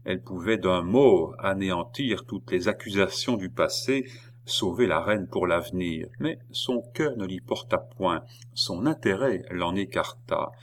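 A man narrating a classic novel in a measured, expressive reading. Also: sits low, a little hiss or hum. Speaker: audiobook reader. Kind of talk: literary narration.

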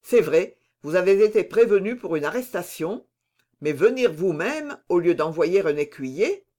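Brief: male reader doing a jovial bold musketeer captain, pitched up, animated delivery. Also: a little slow. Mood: hearty. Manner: hearty, teasing, exclaiming. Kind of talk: audiobook reading.

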